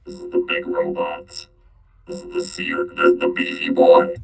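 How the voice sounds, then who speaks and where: A man's voice: extremely low pitch, very animated, moderate pace, vocal fry, far from the mic, loud music behind the voice, voice pushed down, full character voice. A man speaking through a robotic voice changer, casually demonstrating robot voices of different sizes. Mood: casual demo. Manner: casually demoing voice presets. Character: assorted male robots, big and small.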